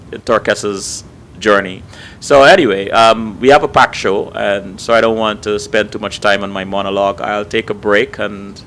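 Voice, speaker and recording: A man hosting a studio talk show, a bit hoarse and hesitant with frequent ums and restarts. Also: fairly low pitch, a bit bright, a little hiss or hum. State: losing his voice. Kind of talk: studio interview.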